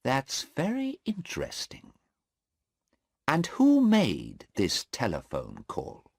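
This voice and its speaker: A man voicing a sharp, insistent male defense lawyer in a story read aloud, pressing a witness with pointed questions. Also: mid-range voice, huge pitch swings, slow pace, gravelly, dry recording, clean studio sound, voice pushed up, heavily acted. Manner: pointed questioning, pushes hard.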